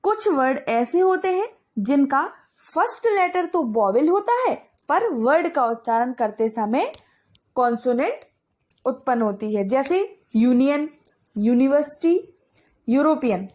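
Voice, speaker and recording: A woman's voice: high voice, lively intonation, measured pace, a little mellow. A young woman teaching an exam-prep grammar lesson, asking questions and answering them herself.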